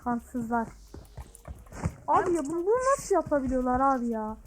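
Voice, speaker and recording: A woman playing a mobile shooter with friends, shouting quick, excitable callouts in casual gameplay chat. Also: high-pitched, slight background noise. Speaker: mobile game player.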